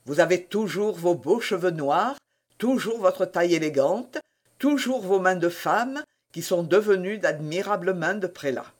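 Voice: mid-range voice, a little slow, natural voice. A reader voicing a shrewd, genial forty-year-old musketeer officer who banters with an old friend. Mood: flattering. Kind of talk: audiobook character reading.

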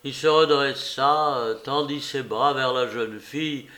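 A man reading a classic novel aloud as audiobook narration, slow and deliberate. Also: medium pitch, bright, forceful tone. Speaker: audiobook reader.

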